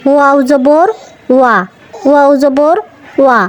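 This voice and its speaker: A woman teaching Quran reading to children in a slow, patient lesson, spelling out each letter and vowel mark, then repeating the syllable. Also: high-pitched, fairly even intonation, poor audio. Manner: asks the listeners questions and answers them herself.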